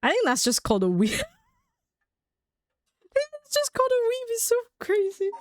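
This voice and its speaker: With a very high voice whose pitch swoops wildly, a young woman from the UK chats with viewers while gaming at home, at normal speed. The audio is studio quality with no echo. She giggles often and fills her sentences with "like."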